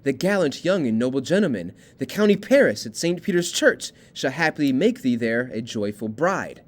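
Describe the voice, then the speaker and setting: A stern noblewoman mother, cold and blunt toward her daughter, as a man reads her lines. The reading is plain, with a lively pitch. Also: normal speed, close to an everyday voice. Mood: announcing. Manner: plain read-aloud of verse.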